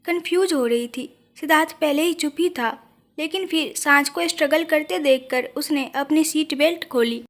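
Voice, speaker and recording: High-voiced woman narrating a story. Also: moderate pace.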